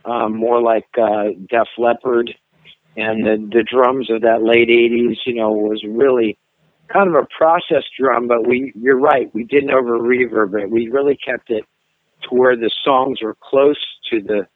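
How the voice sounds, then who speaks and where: This is a singer, a middle-aged man, talking informally in a phone interview with a steady tone at medium pitch. He takes his time, keeps pausing and beginning again, and the audio is dry and tinny.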